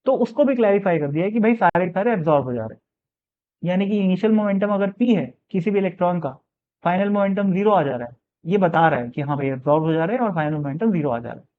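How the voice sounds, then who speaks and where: A man teaching a physics exam problem step by step, reading the question slowly and then explaining it casually, often asking and answering his own questions. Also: sits high, lively intonation, smooth, phone-quality sound.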